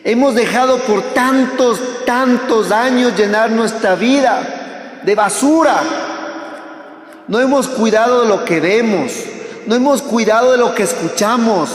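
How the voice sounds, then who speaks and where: A man preaching a sermon to a live audience, fervent and direct, swinging between loud exhortation and hushed tones. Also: very high-pitched, a little slow. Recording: echoey hall with long reverb.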